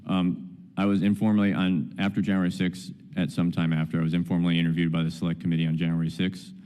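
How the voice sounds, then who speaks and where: A man's voice: sits low, little pitch movement, fast, dark tone, clear, resonant tone. A man who is a military officer testifying formally and precisely at a hearing. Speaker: Guard officer testifying as witness. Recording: reverberant hearing room audio.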